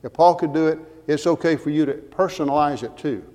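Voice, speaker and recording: Male preacher, earnest and emphatic sermon delivery, voice a bit high, long hall reverb. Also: fairly quick, warm tone. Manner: earnest, emphatic, quotes scripture with references.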